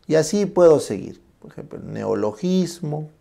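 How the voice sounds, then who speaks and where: A man giving a classroom lecture, naming terms slowly, acting out examples and checking in constantly with short tag questions. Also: a little high, expressive, gravelly, warm tone.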